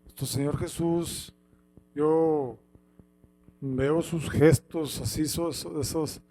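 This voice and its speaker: A man reading Bible passages aloud and then preaching on them, with slow, halting delivery and many repeated words and fillers. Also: fairly high pitch, steady tone, dark tone.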